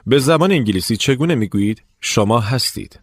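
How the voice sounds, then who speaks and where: A man narrating a language lesson, giving clear step-by-step instructions. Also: mid-range voice, animated, dry recording, clean studio sound. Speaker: language teacher.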